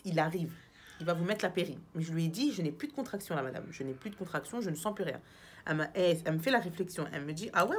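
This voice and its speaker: A young woman telling a story to her viewers in a chatty, animated vlog. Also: fairly low pitch. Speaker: vlogger.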